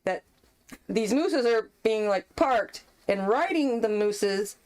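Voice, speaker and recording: A woman runs a tabletop game as game master, and her voice sits fairly high. She narrates in a playful, giggly way. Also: lively intonation, slow pace, a little mellow.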